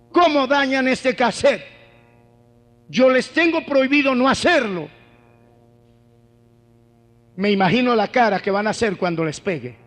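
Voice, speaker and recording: A man preaching a sermon in a dramatic storytelling manner, shifting between quick bursts and slow, hushed lines. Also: very high voice. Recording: echoey old sermon recording in a hall.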